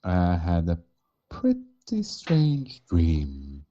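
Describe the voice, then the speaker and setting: A man speaking as a player in a tabletop game, musing slowly. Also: low-pitched, huge pitch swings, warm tone, muffled recording. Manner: slow, drawn-out musing. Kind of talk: casual in-character play.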